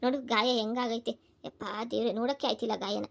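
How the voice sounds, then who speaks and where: A woman voicing a worried, sharp-tongued mother in a cartoon, scolding and nagging. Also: a little high, fairly even intonation, a little fast, gravelly. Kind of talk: cartoon voice acting.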